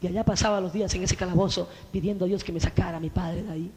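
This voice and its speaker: A man's voice: high voice, fairly even intonation, rapid-fire, darkish tone, big-room sound. A man giving a fervent religious testimony, speaking straight to the listener and calling him brother. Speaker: preacher giving his testimony.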